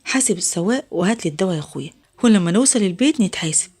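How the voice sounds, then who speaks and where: A woman's voice: mid-range voice, lively intonation, very fast, darkish tone, breathy edge. A storyteller voicing a frightened, exhausted young mother who is the narrator's new neighbor, speaking Egyptian Arabic in a pleading, apologetic way. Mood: pleading, weary.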